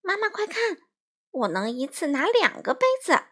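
Picture-book cub, woman reader: little boy, high, eager. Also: very animated, moderate pace, bright, forceful tone, heavily acted. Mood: proud. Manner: pleading, proud, childlike. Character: small eager young boy animal.

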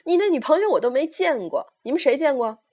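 A woman's voice: medium pitch, animated, normal speed, slightly rough. A woman voicing a fierce scolding old lady near seventy. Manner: scolding, loud and shouting.

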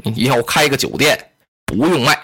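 A man doing a stern, deep-voiced general. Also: lively intonation, normal speed, sharp tone, slightly rough, exaggerated voice. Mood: stern dry. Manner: curt, terse. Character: stern dignified general, male adult. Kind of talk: Chinese oral storytelling.

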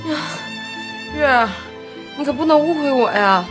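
A woman's voice: fairly low pitch, measured pace. An actress playing a heartbroken young village woman, drunk and tearful, pleading, in a TV drama with violin music behind. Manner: tearful, pleading, slurred from drink. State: drunk and crying. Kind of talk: TV drama acting.

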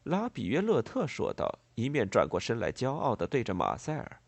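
A man narrating a novel in a steady reading manner. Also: medium pitch, normal speed, gravelly, husky, no room sound. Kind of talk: scripted audiobook narration.

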